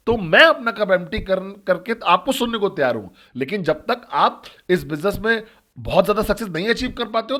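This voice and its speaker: A man's voice: high voice, a bit bright. A man telling a story in a motivational talk as a network marketing trainer, speaking directly and asking the listeners questions.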